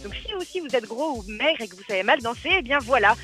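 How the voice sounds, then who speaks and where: A woman's voice: a little high, expressive, bright, forceful tone, soft background music. A woman giving a playful, teasing web news column on radio, joking as she talks. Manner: playful, teasing, quick talk with laughs.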